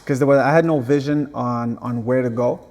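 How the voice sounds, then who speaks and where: The young Angolan guest artist, Portuguese by first language, speaks fairly quickly in a steady, slightly mellow mid-range tone with a big-room sound. In this casual interview chat he's earnest and keeps restarting phrases.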